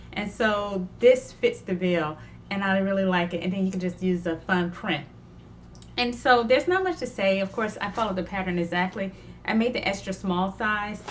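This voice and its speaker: A woman's voice: fairly low pitch, slight background noise. Chatty woman sewing vlogger. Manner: chatty, digressive, laughs often. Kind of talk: casual chat.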